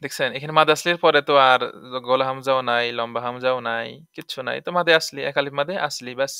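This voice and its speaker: A man's voice: medium pitch, quick pace, bright, forceful tone, smooth, dry recording, studio quality. A man teaching tajweed. He spells words out letter by letter, stretches the vowels when he recites, and keeps asking the listener questions.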